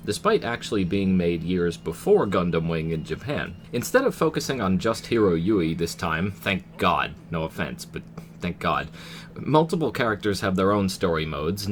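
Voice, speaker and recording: A man's voice: sits low, slight background noise. An American man narrating a scripted retro game review as the reviewer, with wry, casual asides.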